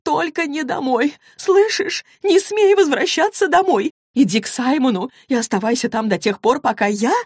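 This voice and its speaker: A woman voicing a terrified, protective mother in an audiobook, with a high, strained, pleading delivery. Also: big pitch swings, slow pace, warm tone, slightly rough, dry recording, clean studio sound, heavily acted. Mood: panicked. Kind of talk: audiobook character voice.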